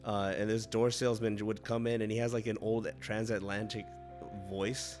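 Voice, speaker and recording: A man's voice: on the low side, flat delivery, normal speed, a little mellow, soft background music. A young man chatting as a guest on a livestream from home, laid-back, laughing often and swearing casually.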